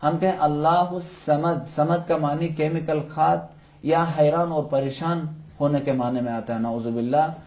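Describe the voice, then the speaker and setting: A male Quran recitation teacher leads a lesson for children, his voice sitting a little above the usual male range. He is patient, often asks a question and then answers it himself. He stretches example words out slowly so each sound is clear. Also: fairly high pitch, steady tone, darkish tone.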